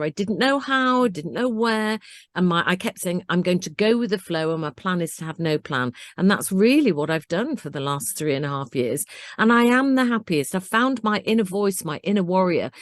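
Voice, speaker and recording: A woman in her sixties from Britain, telling her own story in an interview with earnest, animated storytelling. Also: mid-range voice, dry recording, clean studio sound. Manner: earnest, animated storytelling with acted-out self-talk. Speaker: interview guest. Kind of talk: conversational interview.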